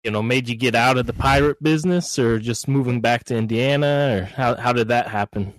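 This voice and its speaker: A man co-hosting a podcast, asking questions in a halting, casual way. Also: mid-range voice, dry recording. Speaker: podcast co-host.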